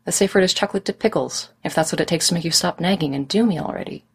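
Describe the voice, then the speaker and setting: A woman's voice: fairly low pitch, quick pace, gravelly, husky. A woman voicing a brash, impatient young woman who jokes and pleads eagerly. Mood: impatient pleading. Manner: loud, eager, wheedling.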